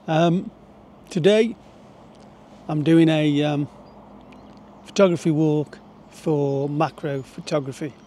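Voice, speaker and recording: A middle-aged or older man talking casually and haltingly to camera outdoors on a lapel mic, with a tractor rumbling behind. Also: fairly even intonation, warm tone. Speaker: hobby photography vlogger. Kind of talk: casual vlog talk to camera. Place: outdoors in gardens. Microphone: lapel mic with furry windshield. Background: tractor engine rumble.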